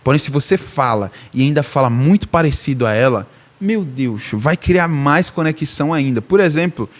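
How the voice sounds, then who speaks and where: A man's voice: a little high, lively intonation, moderate pace. A man with a Recife accent from Northeast Brazil, giving a casual online language lesson and checking in often with the listener. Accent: Recife Brazilian Portuguese. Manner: casual, chatty, repeats "tá?" and "beleza?". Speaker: language teacher.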